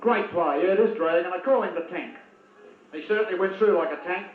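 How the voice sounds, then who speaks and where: Blunt, partisan football caller with a high voice, recorded in an echoey space. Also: male voice, a little fast. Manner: blunt, opinionated, heckles players by name. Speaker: football commentator. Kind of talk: partisan amateur match commentary. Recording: tinny lo-fi old video with echo.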